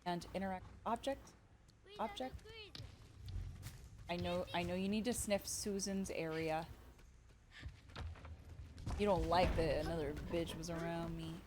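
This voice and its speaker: A woman speedrunner giving live commentary on her game, cooing baby talk to the creature and bursting out loud when things go well or wrong. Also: on the low side, unhurried, long pauses, noisy background. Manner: excitable, with sudden loud outbursts. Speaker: speedrunner streamer.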